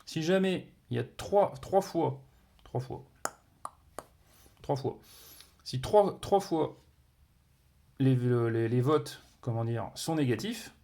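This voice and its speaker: A man's voice: mid-range voice, takes it slowly, gravelly, long pauses, warm tone. A man reviewing a board game, explaining its rules casually with many fillers, restarts and playful sound words. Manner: hesitant, many fillers and self-corrections.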